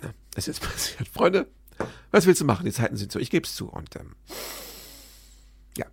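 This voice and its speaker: A man casually telling a story to his listeners, animated and self-deprecating, acting out both sides of the dialogue. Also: medium pitch, moderate pace, creaky, slight background noise.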